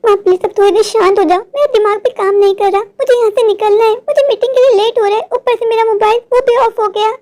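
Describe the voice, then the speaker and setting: In this storybook drama, a woman plays a stubborn young office worker who pleads and frets, close to tears. Her voice sits very high. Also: steady tone, fast, hardly any pauses, darkish tone. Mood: panicked. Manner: pleading and anxious, often near tears. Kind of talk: storybook voice acting.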